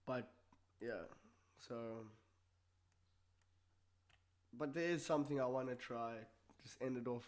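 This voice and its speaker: A man talks casually to his vlog audience as the host. His pitch is ordinary, and his delivery is low-key and a little drained, as he is slightly sick. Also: normal speed. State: a bit sick. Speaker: video show host. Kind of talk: casual solo vlog talk and reactions.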